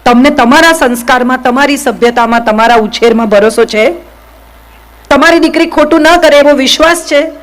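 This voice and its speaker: A woman's voice: high-pitched, normal speed, slight background noise, poor audio. A woman giving a motivational speech to an audience, speaking directly and firing questions at the listeners. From Gujarat, India.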